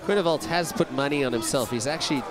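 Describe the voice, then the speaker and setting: A man's voice: on the high side, quick pace, crowd noise. A man presenting and commentating on a sports broadcast, with scripted sponsor reads. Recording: loud music behind the voice. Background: loud music.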